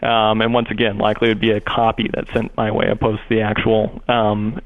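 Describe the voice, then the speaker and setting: Over a muffled, low-bandwidth phone line, a man speaking as a prosecutor explains procedure. His delivery is completely flat and brisk, yet wordy and hesitant.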